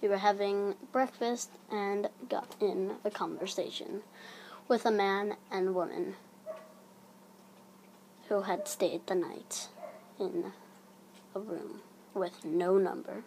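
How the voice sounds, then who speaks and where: A woman narrating a scripted horror story in a hushed, creeping manner, breathy and sometimes sinking toward a whisper. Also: medium pitch, steady tone, slow pace, pauses often, rough recording. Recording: audible background noise.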